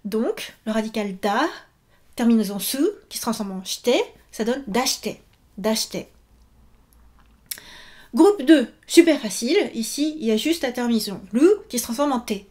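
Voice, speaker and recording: A woman's voice: on the high side, moderate pace, darkish tone. A woman teaching Japanese verb forms in a video lesson, patiently repeating each example.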